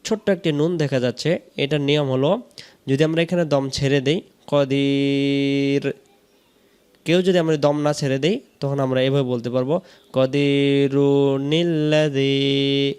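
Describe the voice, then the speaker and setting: A man with a Bangladeshi Bengali accent teaching Quran recitation, chanting each verse slowly with long drawn-out vowels and then explaining the pronunciation. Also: fairly high pitch, a little mellow. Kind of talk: slow recitation lesson.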